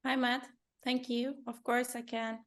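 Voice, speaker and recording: A woman from Turkey, a company founder and designer, answering interview questions in careful English with many pauses and fillers. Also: on the high side, flat delivery. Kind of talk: business interview.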